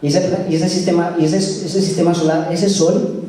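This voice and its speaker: A man gives a casual sermon and keeps asking his listeners questions. His voice is mellow and a little high for a man. He is picked up a distance in a very echoey meeting room. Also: little pitch movement, moderate pace. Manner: conversational, asks the congregation questions. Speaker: preacher.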